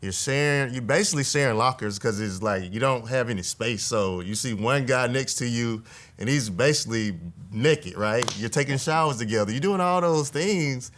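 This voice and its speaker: A man in his thirties, a state legislator, talking earnestly in a relaxed conversation and often adding "right?" to his points. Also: mid-range voice, normal speed. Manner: earnest, reflective, tag questions. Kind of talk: casual conversation.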